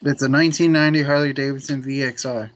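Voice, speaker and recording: Casual podcast dude in his 30s, mid-pitch voice, rambles and loses his thread. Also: steady tone, fast talker, highs cut off. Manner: rambling, chatty, trails off mid-sentence. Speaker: podcast co-host. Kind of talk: casual chat.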